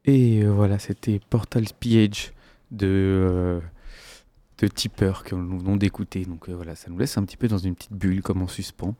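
A man's voice: low-pitched, steady tone, moderate pace, mellow, no echo. A man hosting a radio music show, presenting casually between tracks in a hesitant, rambling way, full of fillers. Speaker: radio host.

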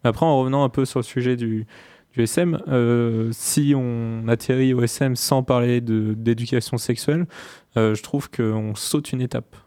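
Hesitant man with an even, mellow voice. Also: mid-range voice, moderate pace, no room sound, clean studio sound. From France. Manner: hesitant, tentative. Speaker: panelist. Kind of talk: casual discussion.

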